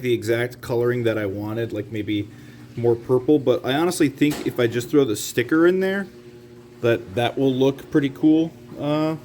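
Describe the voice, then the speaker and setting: A man's voice: medium pitch, a little mellow. A man filming a casual do-it-yourself car video, rambling wryly and breaking into profane rants. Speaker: DIY car-modding vlogger. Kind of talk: casual self-filmed how-to chat. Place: garage and inside a car.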